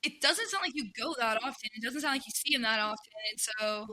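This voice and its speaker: A woman's voice: on the high side, lively intonation, fast talker, bright, forceful tone, rough recording. A woman hosting a casual podcast, talking bluntly with plenty of swearing and reading forum posts aloud. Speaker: podcast host.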